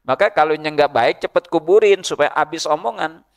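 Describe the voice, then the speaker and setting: Gravelly joking mosque preacher. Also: male voice, a little high. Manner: humorous, chanting Arabic verses slowly. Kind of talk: mosque sermon.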